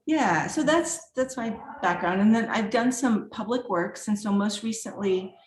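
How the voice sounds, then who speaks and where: At a virtual reception, a guest artist and art professor from the former Czechoslovakia introduces herself casually. Her voice is medium-pitched and a little slow, and she's chatty and upbeat, often laughing, in an echoey room.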